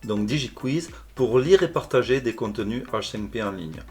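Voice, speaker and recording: A male language teacher calmly explaining a software tutorial step by step. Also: medium pitch, normal speed, soft background music. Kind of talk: screencast tutorial narration.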